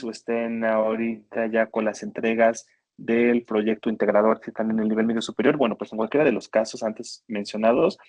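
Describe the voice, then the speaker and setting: A man's voice: medium pitch, a little mellow, no room sound. Hesitant Mexican Spanish man teaching grammar. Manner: hesitant, many fillers and restarts; addresses students with frequent tag questions. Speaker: university writing instructor. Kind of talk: recorded lecture on grammar and spelling.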